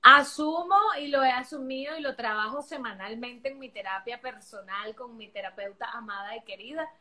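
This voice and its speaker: A woman guest talking loudly and energetically on a live video chat, projecting her voice the way she does when teaching. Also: on the high side, moderate pace. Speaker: sexologist guest. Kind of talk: casual live-stream chat.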